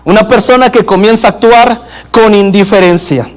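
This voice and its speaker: A man's voice: sits high, moderate pace. A male pastor preaching a sermon, prompting the congregation to answer back. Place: church service in a home gathering.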